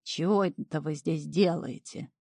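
A woman voicing a fat, bald old male swamp water-devil with a booming bass voice and ceremonious, blustering manner. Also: a little slow, dark tone, no room sound, clean studio sound.

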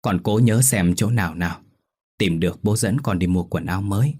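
A man's voice: deep voice, brisk, darkish tone, husky. A man voicing a poor, anxious village father who talks eagerly and pleads. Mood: coaxing.

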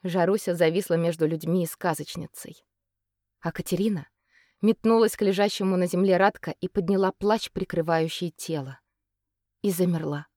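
A woman narrates a fairy-tale story in an expressive, measured way, with a medium pitch. The recording is dry and close, with no room sound. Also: dry recording. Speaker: audiobook narrator. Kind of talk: scripted narration.

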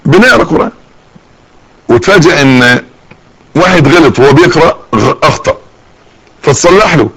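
A middle-aged Egyptian preacher delivers a sermon in a fairly high, very animated voice. He jumps up and drops low as he acts out everyday scenes. His talk sounds lively and conversational. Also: husky, rough recording. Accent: Egyptian Arabic. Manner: lively, acts out little scenes with rising and falling voice.

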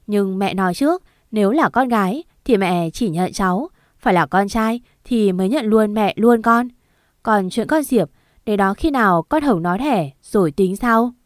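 A woman voicing the older mistress of a household who speaks in a flat, commanding way. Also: mid-range voice, moderate pace, no echo, clean studio sound, natural voice.

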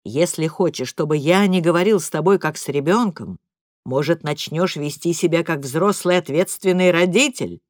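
A woman voicing a cold, low-voiced father. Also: no echo, clean studio sound, natural voice. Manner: slow, low and measured. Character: stern, cold middle-aged father in a fight.

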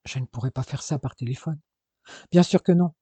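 A man's voice: mid-range voice, fairly quick, slightly rough, no room sound. A man reading as a weak, remorseful young man. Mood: subdued. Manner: quiet, subdued.

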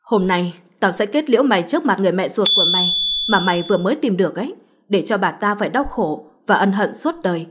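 A woman voicing a spoiled, vicious young woman who turns from pleading to threats, in a husky voice. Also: mid-range voice, expressive, quick pace, fairly bright tone. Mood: furious. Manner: shifts between pleading and snarling threats.

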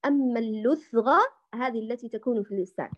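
Speaking quickly in a somewhat high voice, a woman leads a recorded lesson on Quran recitation, and the recording is muffled. She shows each sound with patience and lovingly calls those listening her dears.

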